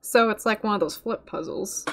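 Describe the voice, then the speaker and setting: A young woman reacting to a show with a friend, loose and sweary, breaking into laughter between quick runs of words. Her voice sits in an ordinary middle range, and she talks in a plain, casual way. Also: medium pitch, a bit bright. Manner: sweary, laughs a lot, quick bursts of talk. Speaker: reaction video host. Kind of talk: casual commentary chat while watching a show.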